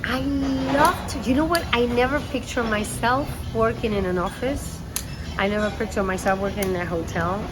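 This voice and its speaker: A Spanish woman, a native Spanish speaker who works as a tour guide, answers interview questions with lively energy, laughing often and searching for words. Her voice is fairly high at a moderate pace, and the recording is rough.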